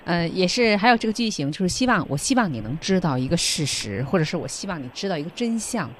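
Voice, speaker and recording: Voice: medium pitch, lively intonation, fast, fairly bright tone, slight background noise. A co-host of an English lesson who prompts the teacher and sums up points for listeners. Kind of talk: radio lesson chat.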